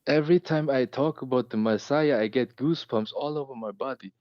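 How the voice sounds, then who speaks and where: A man in his late twenties from Germany, calling into a live show and telling a personal story in a halting way. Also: mid-range voice, no room sound, muffled recording. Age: late 20s. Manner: halting, with many fillers and restarts. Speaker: caller.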